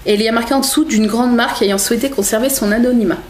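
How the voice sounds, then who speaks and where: A woman's voice: on the high side, racing, darkish tone, roomy sound, a little hiss or hum. A young woman casually reviewing teas from a subscription box, chatty, with many hesitations and self-corrections. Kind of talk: casual product review vlog.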